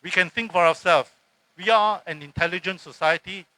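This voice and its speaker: A man's voice: high-pitched, moderate pace, pushed and bright, poor audio. A Singaporean man acting as emcee at a rally, thanking the speaker and rousing the audience. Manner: rousing, emphatic. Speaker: event emcee. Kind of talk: rally speech.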